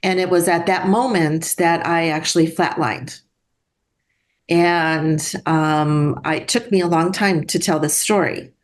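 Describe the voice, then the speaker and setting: A middle-aged woman, a guest, telling a personal story in an earnest, halting way with restarts. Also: fairly low pitch, steady tone.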